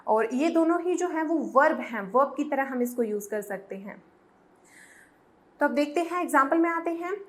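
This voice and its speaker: A woman's voice: high-pitched, lively intonation, normal speed. A woman teaching English idioms to Hindi speakers, mixing Hindi and English and patiently spelling words out letter by letter. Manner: switches between Hindi and English. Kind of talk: Hindi-English language lesson.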